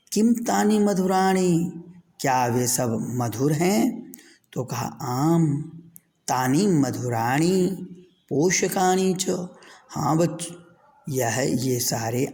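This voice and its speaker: A middle-aged man teaches Sanskrit to schoolchildren, stepping slowly through each word and repeating it for them to follow. His voice has a gravelly fry, and it trails off in a long reverb. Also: mid-range voice, a little mellow. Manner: slow, patient, repeats each word for children. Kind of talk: classroom lesson over a screen recording.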